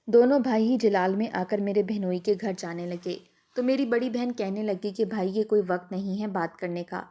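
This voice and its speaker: Woman narrating a sad family story, soft and even, middle pitch. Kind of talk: first-person story narration.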